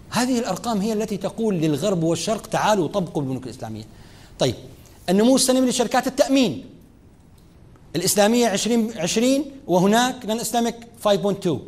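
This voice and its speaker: Rapid, lively lecturer, a man. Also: high-pitched. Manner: lively teaching, speaking straight to students, mixing formal and dialect Arabic. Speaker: lecturer on Islamic finance. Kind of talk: classroom lecture.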